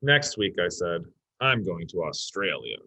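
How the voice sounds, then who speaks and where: Animated man reading a children's storybook aloud. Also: low voice, a little slow, vocal fry. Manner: animated, dramatic phrasing for young listeners. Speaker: storytime reader. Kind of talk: expressive read-aloud of a children's picture book.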